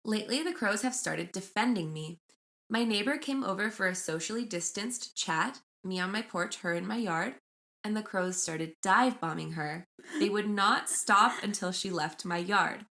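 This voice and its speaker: Woman podcast co-host, mid pitch, chatty storyteller reading stories aloud. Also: animated, moderate pace, bright, forceful tone. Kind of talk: casual chat and storytelling.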